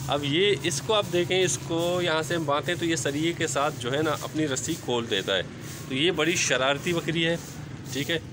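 A man talks casually as he walks around his rooftop yard. His voice sits fairly high and he keeps dropping in filler phrases. A phone camera picks him up outdoors, with steady ambient noise around him. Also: normal speed. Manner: chatty, repeats filler phrases. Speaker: poultry vlogger. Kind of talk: casual walk-through narration.

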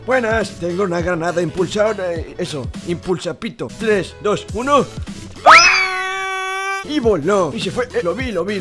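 A man with a Mexican accent putting on a doddering, rambling, boastful old grandfather voice while commenting on a video game, easily confused and breaking into yelps. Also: high-pitched. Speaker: gaming YouTuber. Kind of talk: comedic gameplay commentary in character. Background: background music.

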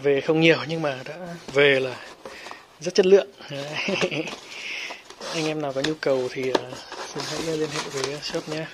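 A helmet shop owner chatting through an unboxing, pausing often with fillers. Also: mid-range voice, steady tone, noisy background. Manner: hesitant, many fillers. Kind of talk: casual unboxing vlog.

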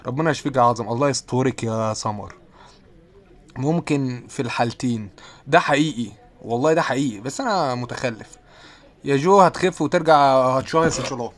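A man's voice: mid-range voice, a little fast, crowd noise. A young man with an Egyptian accent, chatting casually on a live stream while sick, reading viewer comments aloud and answering with self-mocking jokes. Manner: self-mocking, laughs often. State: sick, with occasional coughing.

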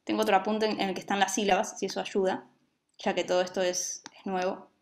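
A woman's voice: mid-range voice, flat delivery, quick pace. A woman teaching a music lesson, who explains patiently and often checks that her students follow.

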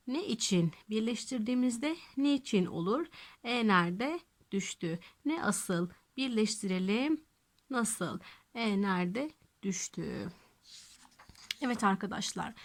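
Woman teacher going over grammar, asks stuff then answers it herself, slows on examples. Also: medium pitch. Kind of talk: classroom grammar lesson.

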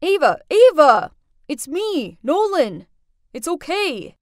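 A teasing young prankster, voiced by a woman narrator in an animated story, talking in a soft, reassuring way. The voice sits high and swings widely, recorded close and dry. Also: takes it slowly, no echo, full character voice. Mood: urgent.

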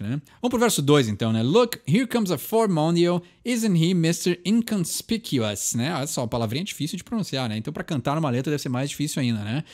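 A young man with a Brazilian Portuguese accent explaining song lyrics in a casual way, often ending sentences with a tag question and slowing down to read lines aloud. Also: medium pitch, a little mellow.

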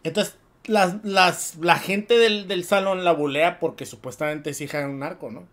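A man's voice: high voice, moderate pace. A man with a Mexican Spanish accent co-hosting a casual film podcast, full of slang and swearing as he retells a story. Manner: slangy, profane, animated storytelling. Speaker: podcast co-host.

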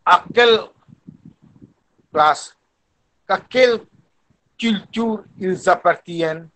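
Slow, high-voiced man lecturing in French. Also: low-quality recording. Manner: slow and deliberate, repeats himself, animated playful asides. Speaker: guest lecturer in a French teaching webinar. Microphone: video call.

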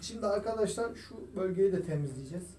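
Man, slightly high-pitched, talks viewers through a repair in a casual workshop tutorial; echoey room, distant mic, noise in the background. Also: expressive, fast talker, dark tone. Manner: explains while working, keeps calling viewers "friends". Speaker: guitar repairer.

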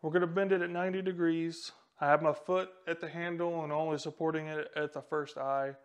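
Man, thirties, casual tutorial, smooth resonant tone, slightly high voice, lapel mic, small room. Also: flat delivery, brisk. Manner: casual, talks straight to camera while handling rods. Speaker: fishing channel host. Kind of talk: instructional explainer. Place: small indoor room with a whiteboard and a tackle wall.

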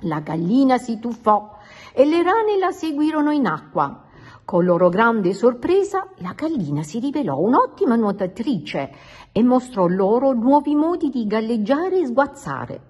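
A woman reading a picture book aloud to children in an expressive storytelling manner. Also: fairly high pitch, measured pace, husky. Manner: animated, expressive.

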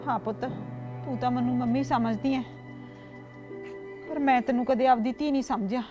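An actress playing a nagging stepmother in a village comedy sketch, shrill and complaining. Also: fairly even intonation, moderate pace, highs cut off, over music, lightly acted. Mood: remorseful. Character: nagging middle-aged stepmother who later repents. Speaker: actress in a short comedy film.

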